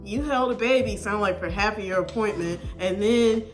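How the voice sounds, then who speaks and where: A woman's voice: mid-range voice, moderate pace, faint music behind. Woman giving friendly hair advice. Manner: warm, advising tone, calls the viewer baby. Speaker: reaction video host. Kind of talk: casual reaction commentary.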